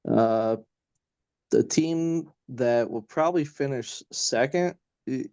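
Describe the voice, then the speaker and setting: A man speaks in a mid-range voice over dull, slightly muffled audio with no room sound. He talks haltingly, full of "uh" and "you know", circling back before finishing each thought. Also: mid-range voice, a little mellow, clear, resonant tone, dry recording. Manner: halting, many fillers and restarts. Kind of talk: casual podcast chat.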